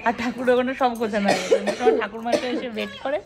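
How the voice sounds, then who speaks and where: A woman's voice: a little high, fairly even intonation, very fast, a loud crowd. A young woman chatting casually to camera in a vlog, confiding and talkative. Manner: chatty, confiding, speaking softly while eating. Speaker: vlogger.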